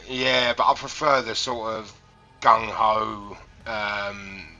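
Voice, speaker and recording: A man's voice: on the low side, flat delivery, takes it slowly, sharp tone, faint music behind. A man calling into a livestream over a cheap, tinny microphone that sounds like a tin can, chatting casually and rambling with restarts and fillers. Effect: tinny cheap mic, like talking into a tin can, over a voice call. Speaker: livestream guest caller. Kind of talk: casual chat about video games.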